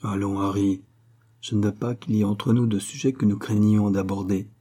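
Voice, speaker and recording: A man's voice: lowish voice, steady tone, moderate pace, mellow, husky. A man reading an audiobook voices an earnest young woman, a devoted fiancée who talks in a pleading, insistent way.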